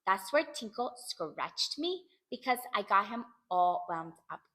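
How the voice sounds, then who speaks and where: A woman reading a children's book aloud in an animated, expressive way, narrating in the first person. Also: mid-range voice, a little slow. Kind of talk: storybook read-aloud.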